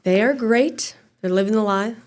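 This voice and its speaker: A woman with a gravelly, husky whiskey voice, chatting casually as a show's producer. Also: mid-range voice, moderate pace, a little mellow. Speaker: show producer. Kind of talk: casual studio chat.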